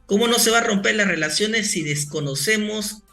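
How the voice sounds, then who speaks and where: A man with a high-pitched, bright and tense voice argues as a guest in a broadcast debate. He is formal and argumentative, often repeating his phrases, with faint music behind him. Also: moderate pace, vocal fry. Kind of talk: live broadcast political debate.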